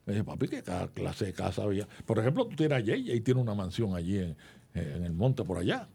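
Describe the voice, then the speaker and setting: A man's voice: lowish voice, sing-song, a little fast, gravelly, warm tone, breathy edge. A man co-hosting a radio talk show, telling short anecdotes and chiming in with agreement.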